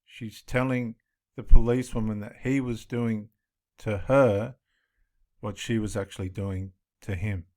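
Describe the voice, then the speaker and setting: A man's voice: fairly low pitch, fairly even intonation, unhurried, a little mellow. A man commenting on police footage, stressing points by repeating his phrases. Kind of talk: video commentary.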